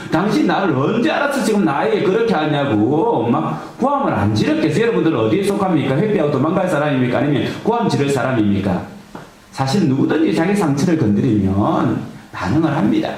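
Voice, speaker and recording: Man, pastor, conversational sermon, rhetorical questions, animated pitch, very echoey church hall. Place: church sanctuary.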